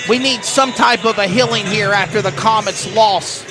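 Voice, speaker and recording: A man's voice: high voice, moderate pace, over music. A man hosting a pregame sports broadcast from a gymnasium as the play-by-play announcer. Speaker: play-by-play host. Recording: clear gym background noise.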